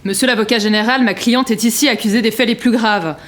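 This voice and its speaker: An actress playing an assertive, indignant defence lawyer, formal and insistent, in a courtroom audio drama. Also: female voice, a little high, fairly even intonation, fast, lightly acted.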